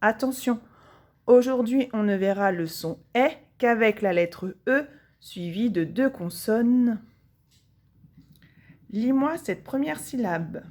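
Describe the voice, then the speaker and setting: A woman teacher with a French accent giving a phonics lesson to young children, drawing out each sound slowly and deliberately. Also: a little high, expressive, darkish tone. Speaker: primary school teacher.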